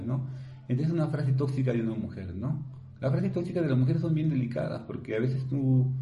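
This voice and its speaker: A man's voice: medium pitch, mellow, echoey room, slight background noise. A man with a Peruvian Spanish accent, a psychologist giving a conversational monologue for a video column, often ending phrases with a questioning tag. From Peru.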